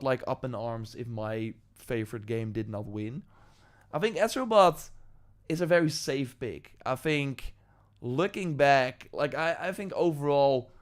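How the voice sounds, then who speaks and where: A native Dutch speaker with a Dutch accent hosts a live stream in a clean-toned, mid-range voice. He reads viewer comments from chat and rambles loosely in casual talk, with lots of ums and likes.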